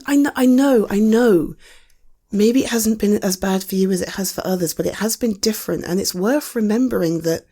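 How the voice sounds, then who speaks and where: A British woman with a mid-range voice plays a caring, supportive partner in an intimate conversational audio roleplay. She speaks softly, gently and a bit hesitantly, in a coaxing way, with a tender, consoling mood.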